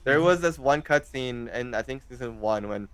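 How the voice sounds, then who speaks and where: A man's voice: mid-range voice, expressive, moderate pace, a bit bright, clean tone, no room sound. A young man in his twenties, chatting casually as an interview guest, hesitant and full of fillers. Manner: hesitant, rambling with many fillers.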